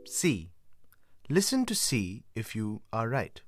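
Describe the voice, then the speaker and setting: Male course narrator, clear scripted instructions, lively pitch, slow and deliberate. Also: dry recording, studio quality, soft background music.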